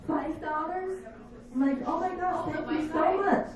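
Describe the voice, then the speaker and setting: A woman in her fifties, not a native English speaker, doing a stand-up comedy set with slow, deadpan, self-mocking delivery. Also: very high voice, a crowd in the background. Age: 50s. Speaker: stand-up comic. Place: comedy bar stage. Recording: echoey bar room, distant dull mic.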